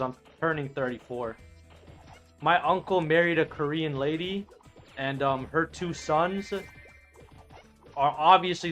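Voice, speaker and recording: A game streamer in his late thirties reads viewer messages out loud while chatting casually, rambling, cursing, and restarting his sentences. His voice sits fairly high and sounds fairly bright.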